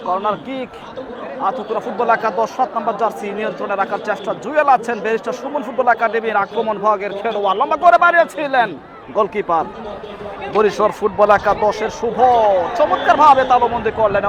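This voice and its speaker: Bangladeshi male commentator, high voice, frantic excited football play-by-play, outdoor crowd noise behind. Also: lo-fi sound. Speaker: live football match commentator. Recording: loud crowd outdoors at a match. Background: crowd of spectators.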